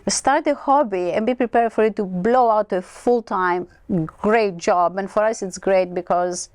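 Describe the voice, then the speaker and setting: A woman's voice: mid-range voice, unhurried, no room sound. A woman in her sixties from Greece with a Greek accent, a chatty guest telling stories in a studio interview. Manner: chatty, expressive storyteller. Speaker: guest, winery co-owner. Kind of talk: conversational interview.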